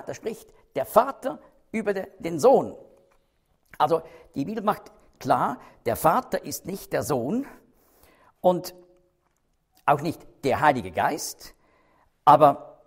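A man's voice: on the high side, breathy edge. A man teaching a Bible study, explaining carefully, stressing key words and checking in with his listeners.

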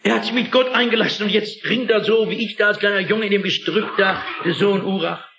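A man's voice: sits high, steady tone, fairly quick, pushed and bright. A man preaching a sermon in an emphatic, dramatic manner, often asking the listeners rhetorical questions. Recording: echoey, dull lo-fi recording.

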